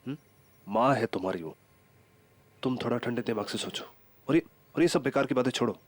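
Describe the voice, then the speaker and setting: An actor playing a young fiancé who calms and dismisses his worried partner in a TV horror drama. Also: mid-range voice, a little fast, no echo, lightly acted. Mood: soothing. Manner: soothing, dismissive. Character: calm, reassuring young fiancé. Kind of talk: Hindi TV horror drama acting. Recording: music score behind the voice.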